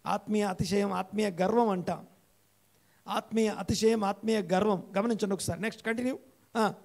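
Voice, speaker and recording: A male pastor preaching an interactive sermon in a church, repeating key phrases, quizzing his listeners and slowing down to read scripture aloud. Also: fairly even intonation, creaky, darkish tone. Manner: slows and rises in pitch when reading scripture aloud. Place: church hall.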